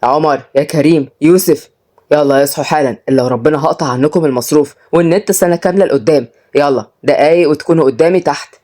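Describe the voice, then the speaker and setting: A woman's voice: low-pitched, fast talker, mellow. A woman voicing a commanding older father who is a judge, with an Egyptian Arabic accent. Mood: stern. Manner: commanding, gruff.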